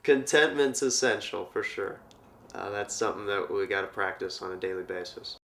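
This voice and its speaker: A man from Portland with a very low, gravelly voice speaks calmly about his path. He sounds earnest and reflective. His talk has a spiritual bent. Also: moderate pace. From Portland, Oregon. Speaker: yoga teacher and massage therapist. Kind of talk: reflective interview answers.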